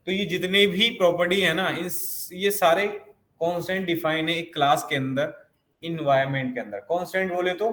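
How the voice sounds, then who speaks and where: A man's voice: high voice, fairly bright tone. A man teaching a programming lesson, explaining step by step and asking himself questions as he goes. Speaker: programming instructor. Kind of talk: coding lesson. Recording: echoey room with faint noise.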